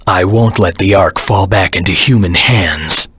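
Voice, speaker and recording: An actor voicing a brooding, vengeful anti-hero hedgehog in a video game, with a husky rasp and a grim, terse, dramatic delivery. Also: male voice, unhurried, fairly bright tone, no echo, studio quality, heavily acted. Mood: menacing, resolute. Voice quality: low, husky, gravelly rasp.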